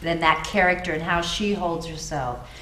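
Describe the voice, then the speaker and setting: A woman's voice: low-pitched, normal speed, pushed and bright. A woman drama teacher giving encouraging, coaching feedback to acting students. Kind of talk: spoken class critique. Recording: roomy echo, clear background noise.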